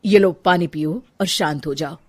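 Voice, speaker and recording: Woman doing a gentle young husband. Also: on the low side, normal speed, breathy edge, pitched below the performer's own voice. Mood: soothing. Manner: coaxing, gentle.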